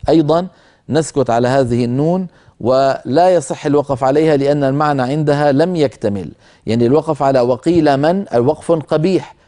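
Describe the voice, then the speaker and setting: A male recitation teacher hosting a televised lesson, with a mellow, warm voice. He explains in a measured way and stops to model the recitation slowly. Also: mid-range voice. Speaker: Quran recitation teacher, program host.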